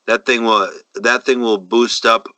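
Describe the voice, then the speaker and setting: A man's voice: mid-range voice, steady tone, pushed and bright, dry recording, poor audio. A man, co-hosting a casual chat and confidently handing out cooking advice. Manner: confident, advice-giving, drawn-out emphasis. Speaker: podcast co-host.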